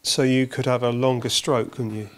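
A middle-aged Englishman hosting a channel interviews a mechanic inside a motorcycle workshop, holding a handheld mic with a windscreen. His voice sits at medium pitch with little movement, and he talks at a moderate pace, eagerly prompting with tag questions.

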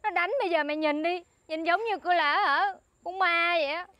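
A whiny, quick high-voiced wife. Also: female voice, dry recording, muffled recording. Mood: complaining. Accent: Southern Vietnamese. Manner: whiny, complaining. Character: naive, complaining married woman.

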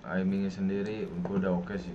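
A man's voice: low-pitched, little pitch movement, fairly quick. A young man with an Indonesian accent giving casual gameplay commentary as a streamer. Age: young adult. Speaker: gaming streamer. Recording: muffled, noisy with game audio.

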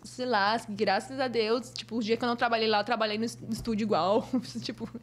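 A young Brazilian woman with a high, bright voice tells stories at a rapid clip. She talks casually as a podcast guest, lively and expressive. Her Brazilian Portuguese accent shows throughout. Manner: lively, expressive, acts out other people's voices. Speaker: guest, fashion model. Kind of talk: casual storytelling in a podcast interview.

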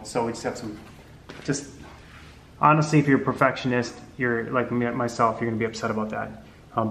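Speaking at medium pitch in an echoey room, a weary forty-something man walks viewers through a woodworking project for his casual DIY vlog. The audio is low quality, and he meanders somewhat, restarting sentences and saying um a lot from his garage workshop.

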